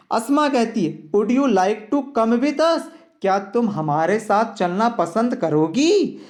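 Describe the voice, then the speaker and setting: A man, teaching an English lesson to children and explaining each line patiently. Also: high-pitched. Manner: slow, patient, addresses children directly. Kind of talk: reading an English worksheet aloud and explaining it in Hindi.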